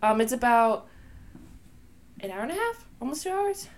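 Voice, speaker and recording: A woman's voice: on the high side, sing-song, normal speed. Chatty woman tripping over names. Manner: stumbling over names, apologetic, laughs often. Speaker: podcast co-host. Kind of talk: casual chat.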